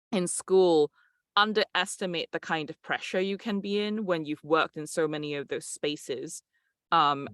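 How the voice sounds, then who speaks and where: Producer, articulate, dry close sound. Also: male voice, a little high, a bit bright, smooth, dry recording. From Malaysia. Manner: articulate, explanatory. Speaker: game producer. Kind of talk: interview answers.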